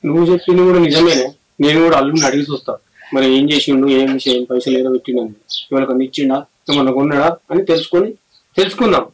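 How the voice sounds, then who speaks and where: An older man playing a gentle village father who calms his family. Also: a little high, racing, close to an everyday voice, poor audio. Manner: calming, placating. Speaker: father-in-law. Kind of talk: village short film acting.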